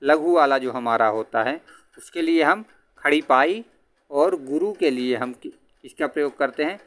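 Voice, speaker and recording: A man teaches an exam-prep grammar lesson in a voice pitched a little high. He keeps asking his students questions and then answers them himself. When he quotes verse, he slows down and chants the lines. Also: a bit bright.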